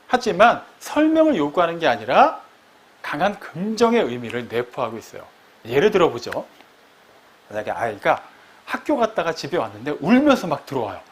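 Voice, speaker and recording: Lively high-voiced Korean pastor preaching. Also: male voice. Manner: explains step by step, asks rhetorical questions; acts out quoted lines with sharp rises and drops in pitch. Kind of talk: sermon.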